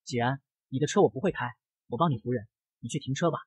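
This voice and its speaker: Guy doing a calm smiling schemer, flat and dry, pretty fast. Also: medium pitch, husky, no echo, voice pushed down, rough recording. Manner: calm, deadpan. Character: calm scheming young man, smiling and blunt. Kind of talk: comic narration.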